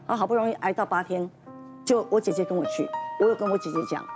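A woman in her fifties with a Taiwanese accent, telling a personal story in a lively, casual way and acting out other people's voices. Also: mid-range voice, fast talker, over music. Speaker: guest.

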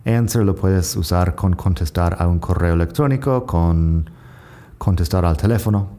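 Low dark voice, guy teaching english words slowly, american accent, repeats stuff twice. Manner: calm, slow explanations, repeats each example twice. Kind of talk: language lesson with example sentences.

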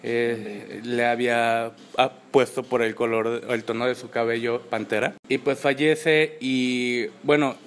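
Mexican guy cohost, casual chat, kinda halting, medium pitch. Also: fairly even intonation, a little hiss or hum. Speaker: podcast co-host.

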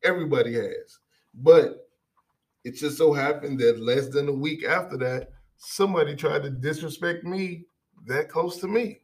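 A man who works as a barber, telling a story in a casual, animated way with lots of conversational asides. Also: fairly high pitch, moderate pace. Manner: animated, conversational, peppered with "you know what I'm saying".

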